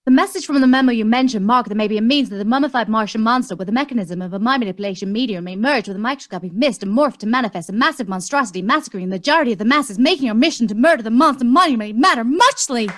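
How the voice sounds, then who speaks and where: Woman doing an excitable rapid-fire heroine. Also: a little high. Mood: excited.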